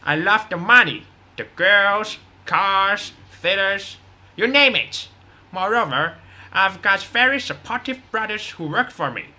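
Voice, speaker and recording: Taking its time, a medium-pitched, expressive voice plays a brash drug lord in hiding who boasts and waves off concerns in a scripted radio drama interview. The tone is bright and forceful.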